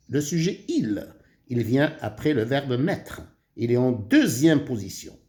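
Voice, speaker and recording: A man's voice: medium pitch, a little mellow. A man teaching a primary school grammar lesson, reading questions aloud and explaining each step patiently. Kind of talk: slow, deliberate grammar lesson.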